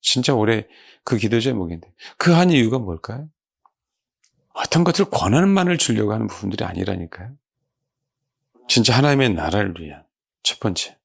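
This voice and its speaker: Male pastor preaching, husky rough voice, keeps asking the church questions, echoes key words quietly. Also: fairly low pitch, big pitch swings, moderate pace, long pauses. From South Korea. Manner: rhetorical questions to the congregation; repeats key words softly. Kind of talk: sermon.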